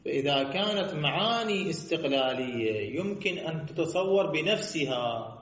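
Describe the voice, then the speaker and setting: A man's voice: a little high, lively intonation, moderate pace, fairly bright tone. A man giving a scholarly lesson, posing rhetorical questions and answering them himself in a sing-song cadence. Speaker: teacher. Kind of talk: seminary lecture on jurisprudence. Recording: echoey room.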